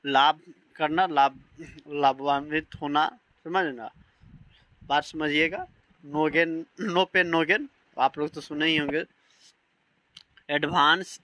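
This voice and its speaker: Bright-voiced man teaching vocabulary. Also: fairly high pitch, no echo, rough recording. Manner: repeats check-ins, spells words letter by letter. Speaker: English teacher. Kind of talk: online vocabulary lesson.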